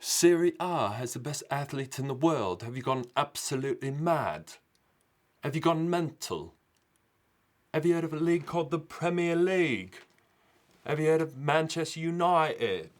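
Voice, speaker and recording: A man's voice: a little high, pitched above the performer's own voice. A man putting on a British accent to voice an exasperated male football fan who fires off rhetorical questions. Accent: put-on British.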